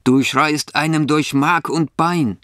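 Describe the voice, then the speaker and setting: A man's voice: fairly high pitch, fairly even intonation, slow, fairly bright tone, dry recording, clean studio sound, voice pushed up. A man doing a kindly storybook donkey. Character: friendly, helpful old donkey.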